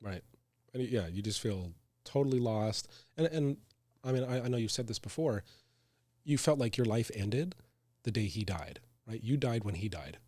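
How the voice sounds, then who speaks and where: A man's voice: on the low side, moderate pace, no echo. A man co-hosting a casual podcast chat, talking frankly and often ending with "right?". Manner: frank, animated, tag questions "right?". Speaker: co-host.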